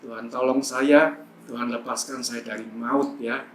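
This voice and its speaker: A man's voice: mid-range voice, fairly even intonation, a little slow, slight background noise. Chatty man in an echoey church. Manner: chatty, storytelling, frequent fillers. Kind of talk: testimony in a church service. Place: church hall. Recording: echoey church with faint ambience.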